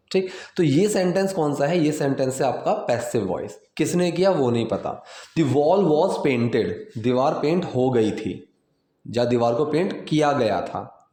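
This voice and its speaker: A man's voice: fairly high pitch, dark tone, reverberant. A man teaching English grammar in Hindi, patiently breaking each sentence into steps and repeating key phrases.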